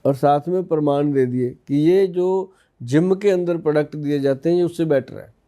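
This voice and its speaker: A man's voice: on the high side, normal speed, mellow. A man from India in his fifties, an Ayurvedic expert on a podcast, explaining in a folksy way with personal anecdotes. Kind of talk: casual podcast interview.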